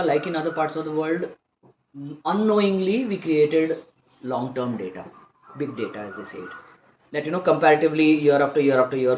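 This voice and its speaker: A man's voice: on the high side, a little mellow. A man in his fifties with an Indian accent, speaking articulate, educated English as he explains things conversationally in an interview. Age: 50s. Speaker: interview guest, wildlife biologist and conservationist. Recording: roomy, muffled, faint background noise.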